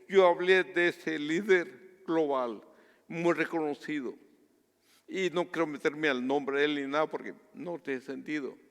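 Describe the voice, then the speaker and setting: A man from Guatemala preaching a sermon as pastor, earnest and measured, dropping to a hush for personal stories. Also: on the high side, smooth, long reverb tail.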